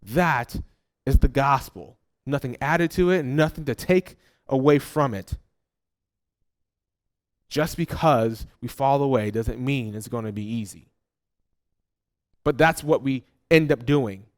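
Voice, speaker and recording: A man's voice: medium pitch, takes it slowly, pauses often. A man preaching a sermon as pastor. He talks to the congregation in a conversational way and often repeats a word as he restarts a thought.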